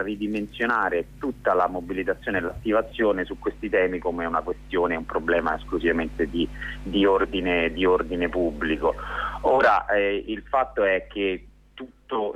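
A man speaks over a landline phone into a radio programme, his low voice coming through a dull, lo-fi telephone line. He talks haltingly, circling back with fillers and restarts as he lays out his points. The sound is thin and muffled, plainly a caller. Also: fairly bright tone. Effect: heard over a landline phone. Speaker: phone-in guest, activist spokesperson.

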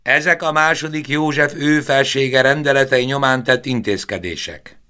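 A man's voice: medium pitch, bright, forceful tone, smooth, pitched above the performer's own voice, lightly acted. A man voicing a young town guard who bluntly reports his orders.

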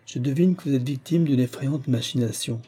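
A man's voice: mid-range voice, fairly quick, warm tone, breathy edge, voice pushed up, lightly acted. A man doing a stern, commanding detective. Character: stern, confident male detective.

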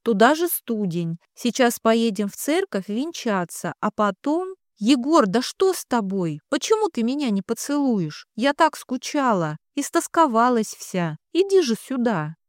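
A woman's voice: a little high, sing-song, a little slow, hardly any pauses, dry recording, studio quality, voice pushed up. A woman reading the part of an emotional young village bride who goes from pleading to tearful scolding. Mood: tender. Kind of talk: audiobook character reading.

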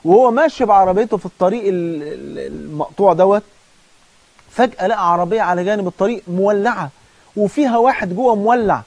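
A man with an Egyptian Arabic accent preaching an emotional sermon, swinging from loud pleading to low hushed warnings and chanting verses slowly. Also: no echo.

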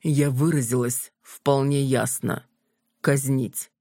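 A reader voicing a cold, mocking female vampire queen, speaking slowly and deliberately in a husky voice. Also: medium pitch, fairly even intonation, mellow, no echo, clean studio sound. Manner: slow, deliberate, commanding. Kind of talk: audiobook character voice.

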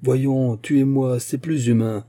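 A man's voice: mid-range voice, fairly even intonation, slow, dark tone, voice pushed up. A man voicing a proud, defiant nobleman on the run in an audiobook, with short clipped replies. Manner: curt, defiant. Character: defiant fleeing male nobleman, proud and fatalistic. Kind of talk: audiobook character voice.

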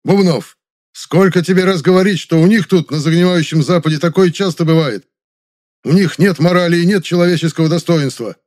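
A man's voice: a little high, a little fast, darkish tone, pitched above the performer's own voice, natural voice. Audiobook figure: stern tired Soviet official, curt and barking, read by a man. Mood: angry.

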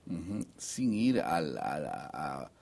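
A man's voice: extremely low pitch, sing-song, very slow, creaky, darkish tone. A man leading a Bible study discussion, reading verses aloud and steering the talk to the next point. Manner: guiding, reads scripture aloud, moves the talk on. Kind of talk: casual religious discussion.

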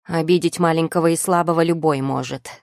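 A woman voicing a grumpy, loud-mouthed male furry familiar creature who scolds and yells indignantly. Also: deep voice, fairly even intonation, fairly quick, no echo, studio quality. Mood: grumbling, indignant.

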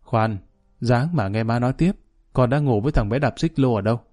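A cold, blunt mother, as a male narrator reads her, laying things out in a dry, even voice. The tone is mellow and mid-pitched, nearly the storyteller's own. She never rises to meet the drama. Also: fairly quick, close to an everyday voice. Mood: cold steady. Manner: flat, even, dry delivery. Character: cold, blunt middle-aged mother, calm and unyielding.

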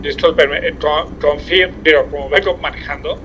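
Se oye a un comentarista deportivo mexicano hablando por celular mientras viaja en coche; su voz masculina es bastante aguda, de entonación casi pareja y timbre afilado. Su ritmo es mesurado y dubitativo, lleno de muletillas, y la línea se corta y cruje con un leve ruido.

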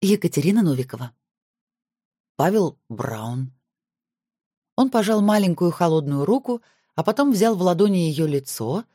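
A woman narrating a novel aloud in an even storytelling manner. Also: on the low side, no room sound, clean studio sound. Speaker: audiobook narrator.

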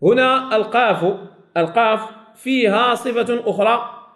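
High-voiced Moroccan man teaching tajweed. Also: a bit bright. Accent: Moroccan Arabic. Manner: slowly drawn-out sample words, repeated to students; corrects students and checks they follow. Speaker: Quran recitation teacher. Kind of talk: classroom tajweed lesson.

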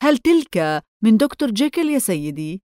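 A woman's voice: a little high, sing-song, moderate pace, a little mellow, no room sound, studio quality, pitched above the performer's own voice. A woman reading the lines of a polite, deferential male head clerk who studies handwriting, in a storybook. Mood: respectful. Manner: polite, respectful.

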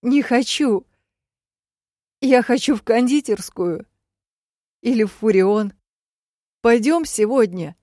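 A woman's voice: a little high, animated, slow pace, long pauses, mellow, no room sound, clean studio sound, voice pushed up. A woman voicing a badly wounded young man who whines and pleads like a child in an audiobook. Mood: panicked wailing.

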